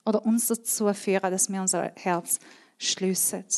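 A woman with a Swiss German accent preaching a sermon, earnest and emphatic, repeating key words and sometimes dropping to a soft, near-whispered tone. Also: mid-range voice, steady tone, moderate pace.

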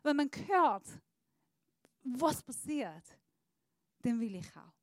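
A woman preaches a searching, earnest sermon in a fairly high voice. She often sinks into a soft, low tone. The sound is dry, with almost no room echo. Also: very animated, slow pace.

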